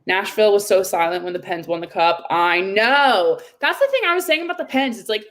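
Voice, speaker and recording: A young woman co-hosting a live hockey stream, her voice worn and going hoarse. She talks in a loose, joking way, with the odd casual swear. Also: mid-range voice, a little fast, fairly bright tone. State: losing her voice. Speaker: co-host of a hockey livestream.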